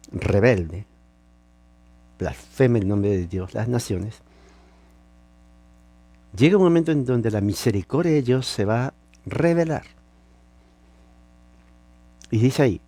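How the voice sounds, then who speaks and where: A male preacher delivers a sermon in a warm, mellow voice. The sound is dry and close, with no room echo. He teaches with emphasis and poses rhetorical questions to his listeners. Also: mid-range voice. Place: lives in California.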